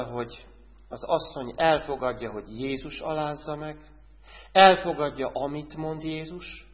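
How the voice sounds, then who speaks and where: Swinging from loud urgency to near-whispers, a male preacher sermonizes and keeps asking his audience direct questions. He has a fairly high pitch, recorded with dull sound and a long echo from the hall.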